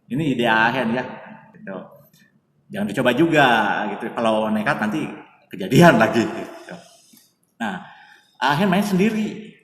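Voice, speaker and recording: A man's voice: medium pitch, animated, normal speed, long pauses, a bit bright. A man telling a story as a guest in a casual interview, chatty, speaking of himself by his own name, with many fillers. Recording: echoey distant room with faint noise.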